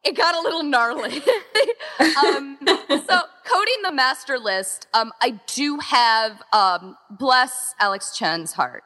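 A woman who co-founded and organizes a fan audio exchange chats casually as an interview guest, rambling and quoting imagined remarks while explaining how she organizes things. Her voice sits high, animated and sharp, at a slow pace. Long, echoing reverb fills the recording.

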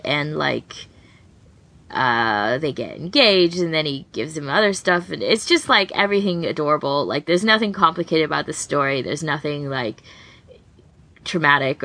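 Giving recommendations in a relaxed, informal chat, this female podcast co-host often stops mid-thought to rephrase. She has a low-pitched voice with a slightly bright quality.

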